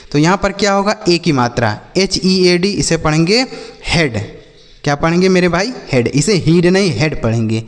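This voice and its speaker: A man's voice: high voice, long reverb tail. A man teaching English reading, spelling words out letter by letter and quizzing his students. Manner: repeats questions to an imagined class. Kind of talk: spoken classroom lesson.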